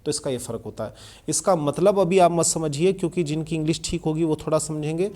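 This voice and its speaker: A man teaching English grammar in a video lesson. He explains slowly with examples and often checks that listeners follow. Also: fairly high pitch, mellow.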